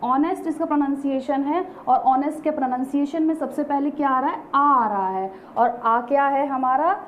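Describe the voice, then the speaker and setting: A woman with a high voice teaches an online grammar lesson. She explains each point patiently and keeps asking her students rhetorical questions. The sound is thin and phone-like. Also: normal speed. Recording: tinny phone-like recording, faint hiss.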